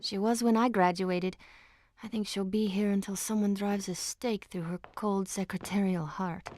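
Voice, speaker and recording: A woman's voice: medium pitch, steady tone, moderate pace, darkish tone, slight background noise, lightly acted. An actress playing a sardonic young woman who breaks rules playfully, speaking in a wry, teasing way in a video game. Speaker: former student guiding a stranger.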